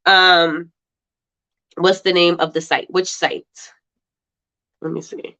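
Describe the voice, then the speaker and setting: Speaking slowly in a lowish, sharp-toned voice with little pitch movement, this female livestream host sounds congested and stuffy. She laughs a lot, repeats herself, and chats casually while going through viewer comments, all captured in slightly dull lo-fi stream audio.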